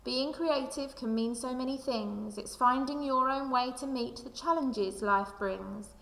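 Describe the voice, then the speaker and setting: A woman, a primary school teacher, reads a children's storybook aloud in a very echoey room with long reverb. Her fairly high, fairly bright voice has a creaky edge and a slightly slow pace. She reads expressively, speaks directly to the young listeners and asks reflective questions.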